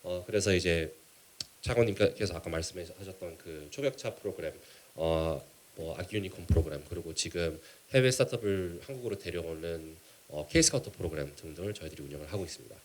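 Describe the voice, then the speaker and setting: A man with a Korean-American accent gives a conference presentation in a halting, measured way, mixing in English business terms. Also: sits low, lively intonation. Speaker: keynote speaker, startup mentor.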